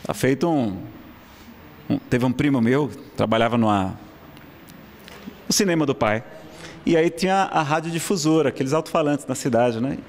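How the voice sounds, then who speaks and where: A man's voice: mid-range voice, moderate pace, long pauses, darkish tone. A Brazilian man teaching a public speaking class in a lecture room, talking conversationally and often checking in with the audience. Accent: Brazilian Portuguese. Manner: conversational, frequent "tá certo?" check-ins. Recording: long hall reverb.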